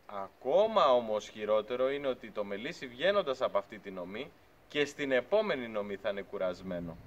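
A beekeeping channel host in his thirties speaks to the camera in a medium-pitched voice, and the sound is lo-fi. Standing outdoors by a pickup truck at a farm shed, he keeps the talk casual but earnest and argumentative.

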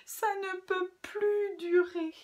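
A woman voicing a whiny, bullied wolf in a children's storybook, sobbing in a high, wailing voice. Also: fairly even intonation, slow pace, a little mellow.

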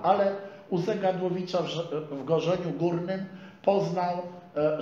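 A man in his sixties giving a measured, scholarly lecture in a small room, caught by a distant camera. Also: on the high side, a little mellow. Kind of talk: academic lecture. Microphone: far camera. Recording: echoey room, dull sound, faint hiss.

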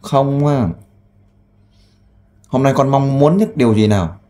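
A volunteer interviewer with an unhurried, mid-range voice asks gentle, coaxing questions on the spot, then makes an earnest appeal to camera full of fillers.

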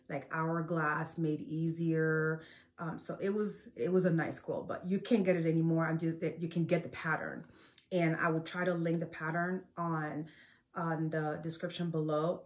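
Forties woman, lower-pitched, casual chatty vlog host, talks to camera in a sewing room. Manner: chatty, with frequent fillers and restarts. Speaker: quilting channel host. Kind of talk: casual show-and-tell vlog.

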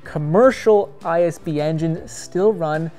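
A man's voice: fairly high pitch, measured pace, faint music behind. A man in his thirties, a diesel mechanic, talking energetically in a vlog from a truck repair shop. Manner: energetic, emphatic, talks with his hands. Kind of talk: explanatory vlog talk.

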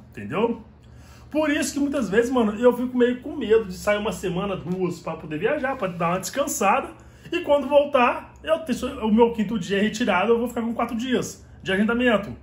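Holding his phone at arm's length in a small home room, a Brazilian man who vlogs about delivery riding talks to the camera casually and with animation. His high voice sounds roomy, and his slangy speech keeps repeating "mano".

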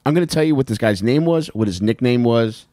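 A man's voice: mid-range voice, expressive, brisk, mellow, no echo, clean studio sound. A man co-hosting a podcast, joking and cursing as he tells the story. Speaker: podcast co-host. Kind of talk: casual chat.

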